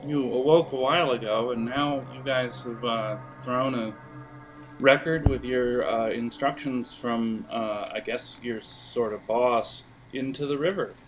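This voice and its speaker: A man runs a tabletop game as game master, improvising casual narration and often groping for words. His mid-range voice is unhurried, and music plays beneath it.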